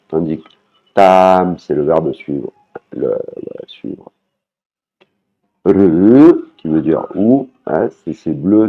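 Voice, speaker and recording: A man's voice: low voice, highs cut off. A man teaching a language lesson, patiently repeating words and singing out their tones.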